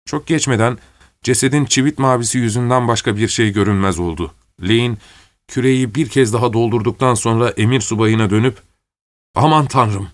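A man reading a war story aloud as narrator, steady and measured. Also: medium pitch, no room sound.

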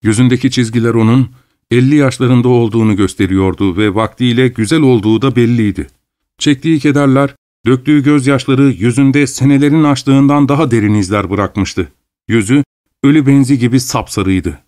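A man narrating a story in a measured, unhurried way. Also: medium pitch, darkish tone, no echo, clean studio sound. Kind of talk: audiobook narration.

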